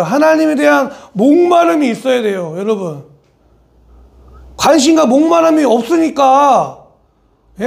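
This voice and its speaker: A male pastor preaching an animated, conversational sermon at a church service, switching between polite address and blunt casual talk and speaking straight to his listeners. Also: very high voice, vocal fry.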